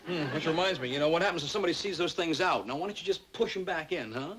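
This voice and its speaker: An actor playing a harried young newspaper reporter, exasperated and stammering, in a 1960s sitcom. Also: male voice, on the high side, fast talker, fairly bright tone, slight background noise, natural voice. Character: harried young male reporter, put-upon nephew.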